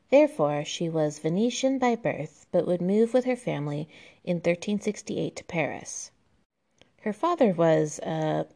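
A woman's voice: low voice, gravelly, a little mellow. A young American woman hosting a casual solo podcast, chatty and loose with fillers, often laughing between thoughts. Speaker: podcast host.

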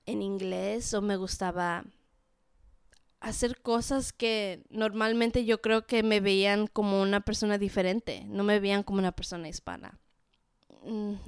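A woman in her twenties talking about her own life in a casual podcast monologue, pausing often to search for words and slipping in English fillers. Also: mid-range voice, clear, resonant tone, no room sound, clean studio sound. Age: 20s. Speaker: podcast host.

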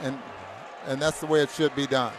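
Guy doing hoops color commentary, medium pitch, chatty halting little asides. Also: flat delivery, a crowd in the background, noisy background. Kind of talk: live game commentary, brief analysis.

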